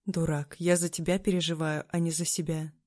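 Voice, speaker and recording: A woman voicing a fiery young princess raised on the steppe, who bursts out loudly and tearfully. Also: deep voice, little pitch movement, fairly quick, no room sound, studio quality. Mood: irritated. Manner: loud, heated, sobbing outbursts.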